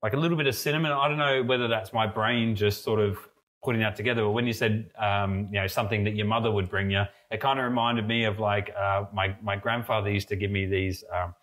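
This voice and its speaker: A young man with a fairly low voice talks quickly while co-hosting a podcast from inside a brewery room lined with steel tanks. He's a mead brewer tasting a homebrew, and his casual chat is relaxed and rambling, full of fillers and restarts.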